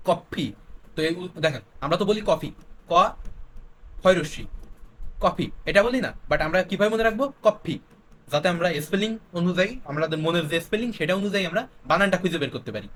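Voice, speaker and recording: A young man with a high, light voice runs an exam-prep spelling lesson. He spells words out letter by letter and keeps asking questions to drive each point home. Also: a bit bright, a little hiss or hum. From Bangladesh. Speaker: teacher.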